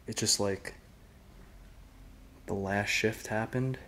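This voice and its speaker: A young man with a lowish voice talks casually to a camera held at arm's length. He narrates an exploration vlog in a relaxed, chatty way, with lots of filler words. He is recorded inside a large, empty diner, with a faint hum of room sound behind him. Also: takes it slowly. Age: young adult. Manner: relaxed, chatty, with a lot of "like" and "I mean". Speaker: urban explorer vlogger host.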